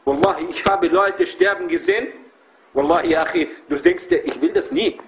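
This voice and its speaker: A man's voice: sits high, very animated, normal speed, creaky, rough recording. A man preaching passionately to a group of brothers, emphatic and full of rhetorical questions. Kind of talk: impassioned religious talk.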